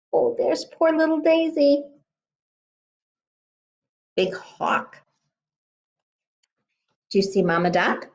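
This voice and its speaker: A woman teacher reading a picture book aloud to children, gentle and expressive, pausing to ask questions. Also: very high voice, dull audio.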